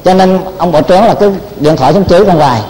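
A man's voice: sits high, quick pace, dark tone, close to an everyday voice. An older man voicing a deferential middle-aged male police chief, speaking humbly and respectfully, in a long-echoing hall.

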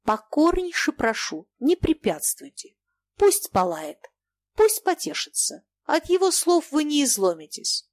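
A woman voicing a sinister old male merchant with a calm, grating, mock-polite voice. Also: high voice, a little slow, dry recording, voice pushed up. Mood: mock-polite menace. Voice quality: grating, scraping. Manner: coolly menacing, mock-polite.

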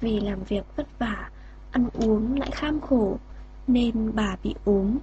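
A woman narrating a fairy tale in a slow, gentle reading voice. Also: fairly high pitch, muffled recording, background noise. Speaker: storyteller.

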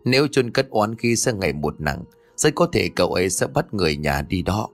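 A man's voice: deep voice, sing-song, fairly quick, soft background music, exaggerated voice. A man voicing a frightened old village ritual master who speaks with a trembling, urgent voice in a ghost story. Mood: uneasy.

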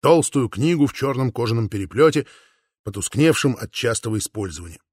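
Steady male audiobook narrator, close dry sound. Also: mid-range voice, brisk, husky, no room sound. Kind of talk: scripted narration.

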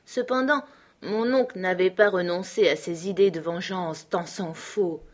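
A woman narrating a classic novel in a measured, literary reading style. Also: lowish voice. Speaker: audiobook reader. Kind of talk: scripted narration.

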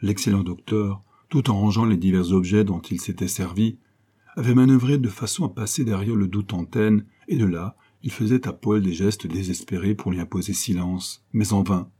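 A man reading a classic novel aloud in a measured narration style. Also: on the low side, mellow, slightly rough. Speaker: audiobook reader. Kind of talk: scripted narration.

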